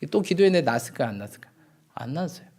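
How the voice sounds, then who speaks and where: A male pastor preaching a sermon in a church, telling a story and asking the congregation rhetorical questions, moving between loud exclamations and hushed asides. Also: fairly high pitch, very animated, rapid-fire. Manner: swings between loud exclamations and hushed, near-whispered lines. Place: church sanctuary.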